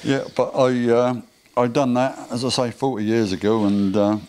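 An older Norfolk man who builds motorcycle engines answers questions briefly in his workshop, speaking plainly and using dialect grammar. His medium-pitched, darkish voice is flat and at normal speed. It's a casual interview captured on a handheld microphone with a windscreen, with a little hiss or hum.

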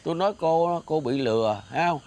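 A man's voice: fairly high pitch, fairly quick, a little mellow, a little hiss or hum, lightly acted. An actor playing a jealous, grumbling middle-aged man with a Southern Vietnamese accent in a comedy sketch, accusing and theatrical. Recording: music bed under the dialogue.

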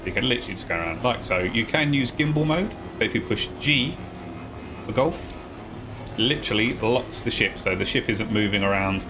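A man talking viewers through a video game tutorial step by step, in a relaxed, casual voice-over. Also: on the low side, moderate pace, noisy background. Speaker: gaming guide creator.

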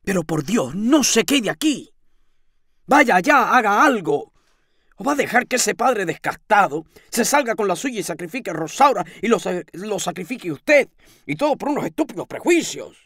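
A meddling older landlady who scolds in shrill, rapid bursts, as a male reader puts her on. Her pitch leaps sharply from line to line, and the reading sounds dry and close, with no room around it. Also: big pitch swings, fairly bright tone, husky, no room sound, exaggerated voice. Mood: exasperated. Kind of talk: audiobook reading.

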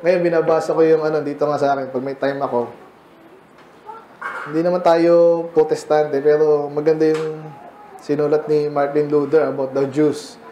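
A man's voice: fairly high pitch, little pitch movement, moderate pace, mellow, echoey room, dull audio, slight background noise. A man with a Filipino accent preaching a sermon in a church, in a casual, joking style with frequent asides. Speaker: pastor.

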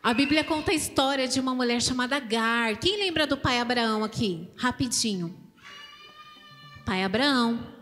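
A Brazilian woman teaching a children's church service, animated and asking the kids questions. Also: on the high side, normal speed. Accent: Brazilian Portuguese. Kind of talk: children's sermon. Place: church hall. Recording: church hall reverb with music behind.

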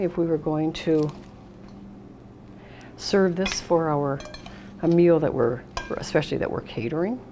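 A middle-aged American woman with a low, darkish voice hosts a casual cooking demonstration, unhurriedly talking through each step as she works. She's at a steel worktop in an indoor kitchen, and the recording picks up clattering dishes and noisy room sound.

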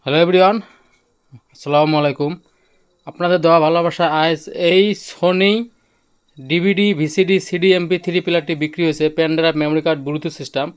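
With a slightly high, clean-toned voice, this Bangladeshi shop seller walks through a product demo, explaining as he handles it and saying the same things more than once. He owns an electronics shop, and music from the demonstrated player runs behind him.

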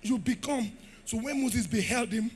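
A man with a Nigerian accent preaching a sermon, shouting at times and dropping to low asides. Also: normal speed, breathy edge. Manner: rugged preaching style. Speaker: pastor.

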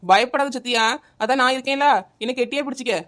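A woman voicing a brave, kind young aunt in a cartoon, speaking briskly and reassuringly. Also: high-pitched, fairly even intonation, fairly bright tone. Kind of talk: cartoon voice acting.

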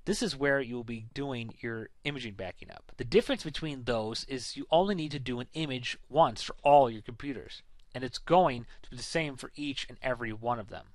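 A man's voice: medium pitch, lively intonation, a little fast, no room sound. Man narrating a dry tech slideshow.

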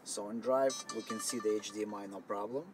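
Here the man's voice is lowish and steady in tone, running a little fast. Seated in a car partly out in the wind, he gives a relaxed, conversational demo of a product and explains each step, while a camera mic records light wind noise.

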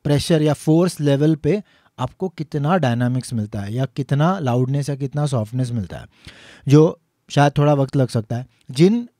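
Mellow-voiced man teaching piano. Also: fairly high pitch, dry recording, clean studio sound. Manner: explains step by step, sings note names slowly. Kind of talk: instructional lesson.

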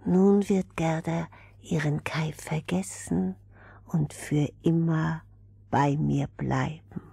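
An actress playing a lonely, possessive old sorceress in a fairy-tale audio drama, with drawn-out, incantatory delivery. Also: female voice, deep voice, steady tone, creaky, dark tone, breathy edge, no room sound, full character voice. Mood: conjuring. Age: older. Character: lonely old sorceress woman, sweetly possessive, not evil.

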